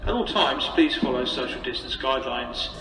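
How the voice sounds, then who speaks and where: A man makes a formal station announcement in an airport announcement manner. His voice booms from far-off loudspeakers with a long echo, and clear noise surrounds it. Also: lively intonation, normal speed. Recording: echoey station tannoy, distant, noisy concourse.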